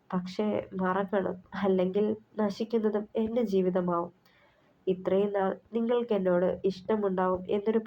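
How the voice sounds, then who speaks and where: A woman voicing a heartbroken young woman who speaks softly and with sorrowful resignation. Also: medium pitch, slight background noise, lightly acted. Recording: slightly muffled recording.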